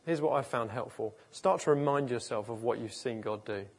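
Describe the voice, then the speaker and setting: A pastor gives a conversational sermon in a brisk, mid-range voice with vocal fry. He preaches informally and earnestly, often restarting and correcting himself mid-sentence.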